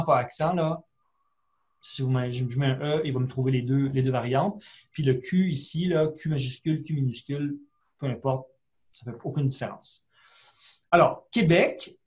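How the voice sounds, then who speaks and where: A man, a librarian, talks through a screen-share tutorial in a conversational way, full of fillers and restarts. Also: a little high. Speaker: librarian giving a webinar.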